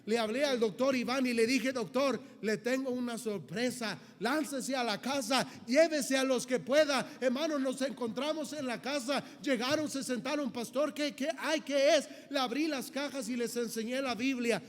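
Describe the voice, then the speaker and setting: A man's voice: very high-pitched, normal speed, few pauses, big-room sound. A man preaching a sermon as a missionary pastor, telling stories and calling the congregation brothers. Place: church.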